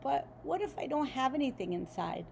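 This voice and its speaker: Woman as an earnest, creaky little storybook zero. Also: high-pitched, lively intonation, fairly quick, darkish tone, a little hiss or hum, exaggerated voice. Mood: tearful despair. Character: earnest, insecure female number zero yearning to belong.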